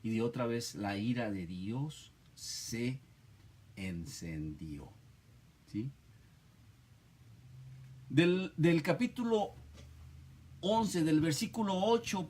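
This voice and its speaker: A male preacher leads a Bible study sermon in a slightly raised pitch, speaking in short, emphatic bursts. He repeats his points and tags nearly every phrase with a question to the listener.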